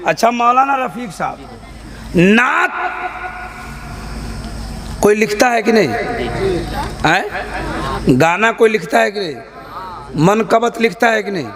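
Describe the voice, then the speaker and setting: Guy giving a sermon to a big crowd, high voice, keeps asking the audience stuff and telling noisy ones to hush. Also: expressive, slow pace, long pauses. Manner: banters with and questions the audience; teasing, scolds noisy listeners. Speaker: Islamic preacher. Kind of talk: sermon to a live gathering. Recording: live crowd audible behind.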